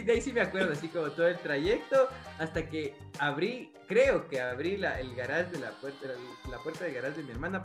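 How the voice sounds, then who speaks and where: A man's voice: sits high, bright, forceful tone, reverberant. A man with an Ecuadorian accent, hosting a podcast, telling a story in casual chat with a lot of swearing and mouth sound effects. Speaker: podcast host.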